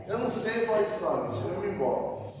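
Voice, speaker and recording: A man's voice: sits high, sing-song, quick pace, a crowd in the background. A man teaching a church seminary class, emphatic and asking "né?" to check in with the room. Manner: emphatic, frequent "né?" check-ins. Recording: echoey hall from far off, faint background noise.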